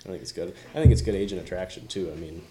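A man in a casual podcast chat as a real estate agent, talking in quick bursts full of fillers. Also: low-pitched, dark tone, a little hiss or hum.

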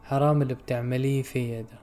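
A grieving middle-aged son murmurs to his dying mother, as a male reader puts him on. His voice is soft, choked and pleading, mellow in tone. Faint music sits underneath. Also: mid-range voice, fairly even intonation, quick pace, natural voice. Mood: tender pleading.

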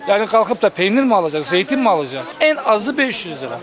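A man's voice: high-pitched, sing-song, fast, a crowd in the background. A man selling at an outdoor market, complaining insistently in a street interview. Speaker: market vendor. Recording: music and street market noise behind.

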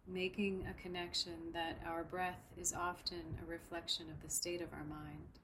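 A woman guiding a breathing meditation in a soft, soothing, unhurried way. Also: on the low side, little pitch movement, noisy background. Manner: slow, soft, soothing instruction. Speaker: meditation guide. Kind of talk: guided meditation.

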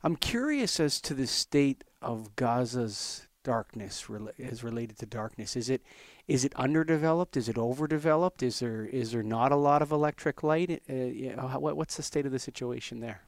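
A male podcast host who talks in a loose, rambling way and often trips over his words mid-sentence. His medium-pitched voice sounds dry and close. He keeps the chat casual. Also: lively intonation, normal speed, dry recording. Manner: loose and rambling, with frequent restarts and stumbles.

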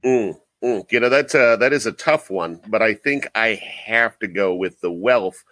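A man co-hosting a casual podcast chat, joking in a dry, mock-smooth way. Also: on the low side, normal speed, fairly bright tone, dry recording. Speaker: podcast co-host.

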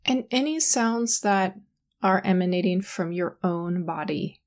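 A woman guiding a sleep meditation in a calm, soothing, slow manner. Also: fairly low pitch. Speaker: meditation guide.

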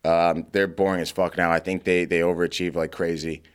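A man's voice: low-pitched, flat delivery, brisk, smooth. A man co-hosting a casual sports podcast, blunt, profane and argumentative, chewing gum as he talks. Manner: chewing gum while talking. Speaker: podcast co-host.

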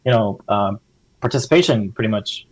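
A man's voice: fairly low pitch, normal speed, dry recording, poor audio. A man talking casually about a game on a podcast, rambling with many restarts and acting out quotes. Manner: rambling, restarts often, acts out quotes animatedly. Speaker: podcast guest. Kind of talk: casual gaming discussion.

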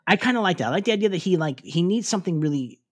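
A man with a somewhat high voice talks through a TV episode in casual podcast chat. He rambles, circling back with fillers and restarts as he recaps. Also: lively intonation, rapid-fire. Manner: chatty, lots of filler words and restarts.

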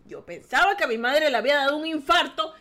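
A young woman hosting a podcast, telling a story in casual chat with a dramatic, animated delivery, acting out what others said and swearing, then censoring herself. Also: high-pitched, fast. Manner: animated, dramatic, acts out quoted voices. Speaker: podcast host.

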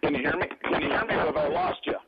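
Fast-talking man on a crackly phone line. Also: fairly high pitch. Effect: crackly phone line full of static. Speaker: guest on a call-in show. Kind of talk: casual chat.

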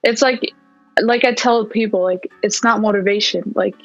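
A woman's voice: mid-range voice, normal speed, dull audio, soft background music. A young woman from Palestine, a guest on a podcast, talking casually about her fitness coaching, with plenty of "like" and "yeah" fillers. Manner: relaxed, lots of "like" and "yeah". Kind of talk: casual interview chat.

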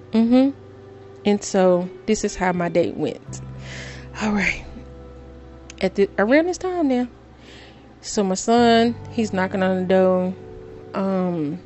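A middle-aged woman vlogging to her viewers in a casual, storytelling way, excitable and given to dramatic repetition. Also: fairly low pitch.

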